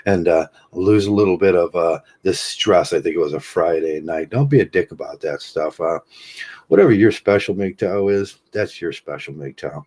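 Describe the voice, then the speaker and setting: A man's voice: sits low, normal speed, a little mellow, slightly rough. A man hosting a casual livestream monologue, rambling with many fillers and restarts and laughing at his own jokes. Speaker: livestream host.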